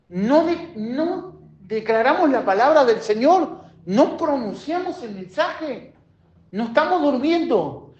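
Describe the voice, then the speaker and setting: A high-pitched man preaches a sermon. He pleads with passion, his voice swelling and dropping. The recording is dull and lo-fi. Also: a little hiss or hum. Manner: impassioned preaching, swings between loud and soft. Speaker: pastor. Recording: dull lo-fi sound.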